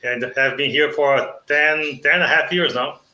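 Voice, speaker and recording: A middle-aged man from Brazil with a Brazilian Portuguese accent, an economics professor explaining things in a measured way and often checking in with "okay?". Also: fairly high pitch, pushed and bright, echoey room, highs cut off. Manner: measured, frequent "okay?" check-ins and restarts. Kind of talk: explanatory interview talk.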